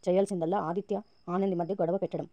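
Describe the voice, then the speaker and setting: Naive pushy young woman, impatient, fast, dark mellow tone, as a woman reads her. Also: on the low side, steady tone, dry recording, highs cut off, lightly acted.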